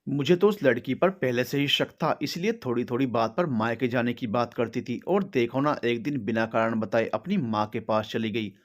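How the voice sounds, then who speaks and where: A man's voice: medium pitch, moderate pace, few pauses, lightly acted. A man voicing a suspicious older father-in-law who speaks curtly.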